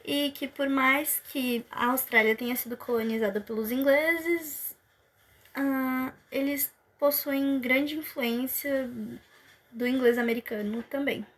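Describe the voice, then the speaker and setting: A young woman with a high voice presents a school assignment. She explains step by step, pausing and correcting herself now and then. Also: fairly even intonation. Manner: explanatory, with hesitations. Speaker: student presenter.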